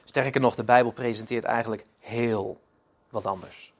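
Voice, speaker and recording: A man preaching a sermon, opening with prayer and telling stories in a halting way, often repeating words. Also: mid-range voice, steady tone. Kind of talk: sermon with storytelling.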